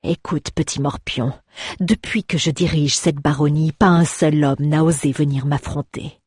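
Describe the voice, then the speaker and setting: A woman's voice: lowish voice, slow pace, darkish tone, breathy edge, no room sound, studio quality. A woman voicing a scheming middle-aged baron, lazy, mocking and drawling, in a storybook reading. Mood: menacing. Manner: drawling, sarcastic, turning menacing.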